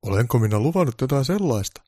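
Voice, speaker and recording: A man's voice: mid-range voice, very animated, darkish tone, slightly rough, no room sound, studio quality, pitched above the performer's own voice. A man voicing a grumpy old Santa Claus with bellowing, blustery threats, in a comic storybook reading. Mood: gruff.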